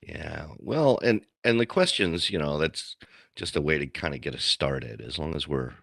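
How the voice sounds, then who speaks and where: A man moderating a panel over a video call, relaxed and joking about his radio voice. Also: very deep voice, moderate pace, gravelly, no echo, studio quality. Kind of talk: casual video-call chat. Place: room at home with a ceiling fan. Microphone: computer mic on a video call.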